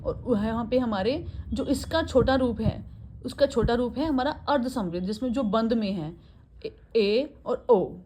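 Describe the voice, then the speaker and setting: Hindi teacher drilling vowel sounds. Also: female voice, fairly high pitch, expressive, darkish tone, a little hiss or hum. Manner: asks and answers her own questions; drills sounds by repeating them slowly. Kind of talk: classroom grammar lesson.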